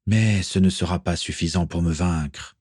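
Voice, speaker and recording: A man's voice: sits low, darkish tone, husky, no echo, studio quality. A man doing a cold, haughty pirate hunter. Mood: menacing. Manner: measured, menacing.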